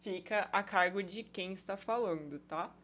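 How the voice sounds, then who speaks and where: A woman teaches a beginner Mandarin lesson in a recorded online class. She talks patiently, stops often to check that her students follow, and slows down carefully whenever she models a Chinese phrase. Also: medium pitch, fairly bright tone.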